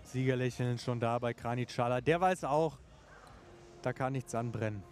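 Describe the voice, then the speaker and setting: A man's voice: medium pitch, normal speed, darkish tone. A man giving live boxing commentary in an emphatic, opinionated way.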